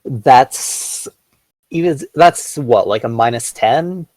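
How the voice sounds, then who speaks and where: A man narrating as game master of a tabletop role-playing game, talking with halting starts and fillers. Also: medium pitch, animated, darkish tone, no room sound.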